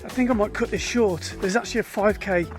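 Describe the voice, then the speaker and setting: A man's voice: high-pitched, quick pace, music in the background. Tired, chatty British man. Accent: British English. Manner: chatty, candid, self-deprecating. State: tired and dizzy mid-run. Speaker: running vlogger. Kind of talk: casual vlog narration.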